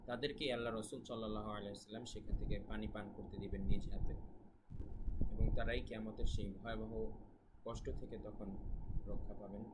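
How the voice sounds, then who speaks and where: A man's voice: medium pitch, heavy background noise. A man teaching students recitation rules step by step, in a polite, explanatory lesson tone. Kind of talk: recorded lesson.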